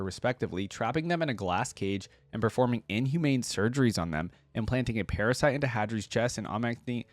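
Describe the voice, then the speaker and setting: A man with a medium-pitched voice hosts a reaction video, reading game lore aloud and dropping informal, slangy asides between passages. There's no echo on the recording.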